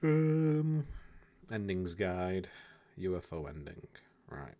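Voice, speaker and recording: A man's voice: deep voice, very animated, slow, warm tone, muffled recording. A man streaming a game, chatting casually and thinking aloud, sometimes reading guide text under his breath. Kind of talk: casual gameplay commentary.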